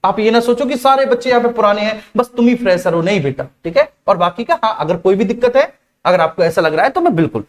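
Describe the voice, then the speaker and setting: A male teacher giving a live online class, speaking slowly and deliberately, repeating key points and calling his students "beta". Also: sits high, expressive. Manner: slow, deliberate delivery.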